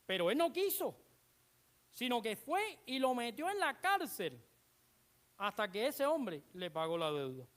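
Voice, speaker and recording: Lively, animated preacher. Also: mid-range voice, measured pace. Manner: animated, asks the congregation rhetorical questions; retells scripture with dramatic emphasis. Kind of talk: sermon.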